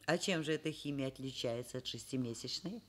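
In a radio drama, an actress with an extremely low-pitched voice plays a wry, educated middle-aged professor. She speaks briskly, both narrating and conversing in an ironic, articulate, literary style.

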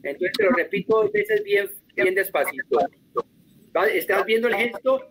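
Guy teaching german online, kinda high voice, patient, repeats stuff slow. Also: expressive, slight background noise. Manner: patient, drills pronunciation slowly. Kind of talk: online class instruction.

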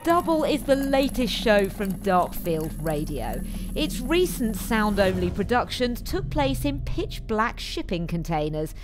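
A woman's voice: mid-range voice, very animated, measured pace, over music. A woman with a British accent narrating a tech programme's report as the presenter. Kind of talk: scripted voice-over narration.

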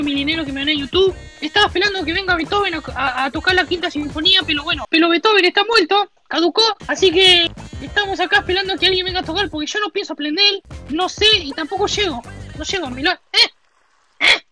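A woman's voice: extremely high pitch, fast talker, over music. A woman voicing a boastful, lonely male talking tomato can with an Argentine accent, in a comic house-tour sketch, cheeky and self-pitying. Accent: Argentine Spanish.

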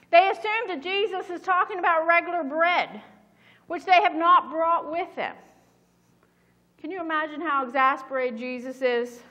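Standing at the pulpit of a church sanctuary, a middle-aged female pastor reads scripture within her sermon, measured and earnest. Captured on a small pulpit mic, her high voice sounds pushed and bright, the audio lo-fi and drenched in long reverb.

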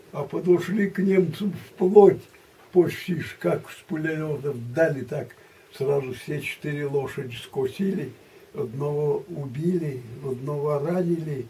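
An elderly man, a war veteran, telling a rambling grandpa story in a halting, repetitive, colloquial way. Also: fairly high pitch, warm tone. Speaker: war veteran recounting memories. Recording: distant mic, muffled, background noise.

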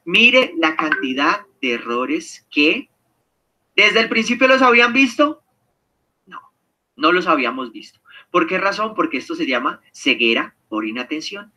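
A man leading an online seminar, reading out participants' answers and quizzing them with animated questions. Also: fairly high pitch, measured pace. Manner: lively, animated, engages the audience with questions. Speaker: seminar leader.

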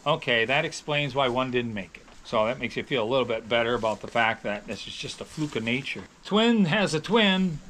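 A middle-aged dairy farmer talks casually, circling back and restarting his sentences as he thinks aloud. His voice sits at an ordinary pitch. A faint background hum runs under the recording. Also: animated, a little fast, hardly any pauses, fairly bright tone. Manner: rambling, with many restarts and hedges. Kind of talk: casual storytelling. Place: on a farm, near calves.

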